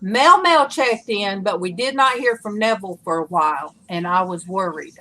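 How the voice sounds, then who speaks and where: A woman's voice: medium pitch, expressive, normal speed, sharp tone, rough recording. A woman with a Southern US accent and a drawling delivery, chatting casually as the host of a live show.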